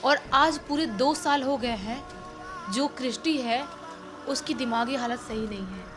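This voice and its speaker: A woman with a high, light voice narrates a spooky village tale in a relaxed, chatty way. She grows dramatic as the story tightens. Soft music plays faintly under her voice. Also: unhurried. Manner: dramatic, rising in pitch and volume on emotional quotes. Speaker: horror storyteller. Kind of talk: casual spoken storytelling.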